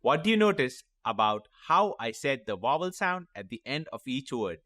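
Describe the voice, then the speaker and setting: A man teaching a children's phonics lesson, sounding out letters and words slowly and clearly and encouraging young learners. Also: mid-range voice, sing-song, a bit bright, no room sound, studio quality. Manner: slow, clearly sounding out each letter and word.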